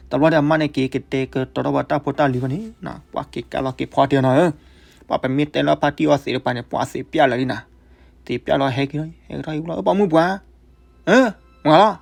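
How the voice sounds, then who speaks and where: A man tells a folk story at a fast clip, his voice gravelly and set a little high. He swings from loud outbursts to hushed asides, and faint music plays behind him.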